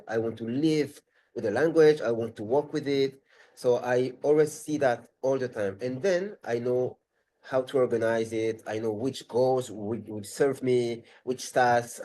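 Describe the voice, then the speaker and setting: A man's voice: medium pitch, warm tone, poor audio. A man with a French accent, a language tutor talking in a live webinar, thinking aloud and rephrasing as he goes.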